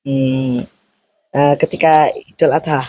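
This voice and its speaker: A man's voice: medium pitch, fairly even intonation, slow pace, warm tone. A young man from Semarang, a student being interviewed, who answers hesitantly with many fillers.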